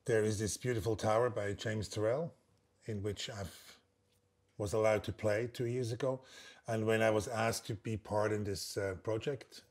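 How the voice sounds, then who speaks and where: Seated at a large wooden table in a room with a glazed roof, a Swiss composer and percussionist from Basel talks through his work in an interview. He is in his sixties, a native German speaker with a Swiss German accent, and his voice sits on the low side with a darkish tone. His reflective answers come in short, considered phrases.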